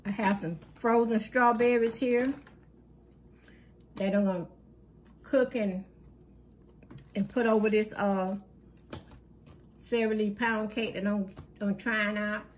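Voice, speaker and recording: In a steady, mid-range voice, a woman narrates a grocery haul for her channel, recorded off camera at home with a slight hiss or hum. She names the items one after another, plainly and without hurry, with frequent fillers.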